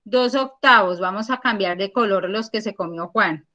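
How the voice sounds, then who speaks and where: A woman teaching a primary school math class over a video call, patient and encouraging, counting aloud slowly. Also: mid-range voice, pushed and bright, muffled recording. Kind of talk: online class. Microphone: computer mic on a video call.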